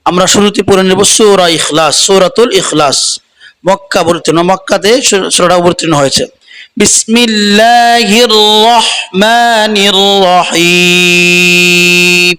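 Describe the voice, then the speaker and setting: A man with a Bangladeshi Bengali accent teaching correct Quran recitation, slowly chanting each verse and then explaining it plainly. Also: high voice, a bit bright. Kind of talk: religious lesson on recitation.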